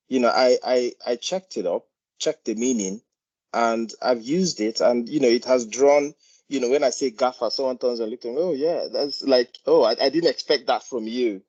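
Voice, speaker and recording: A man's voice: mid-range voice, a little mellow, muffled recording. A man with a Nigerian accent contributing to an informal discussion as a doctor, hesitantly repeating words as he explains. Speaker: GP doctor, meeting participant.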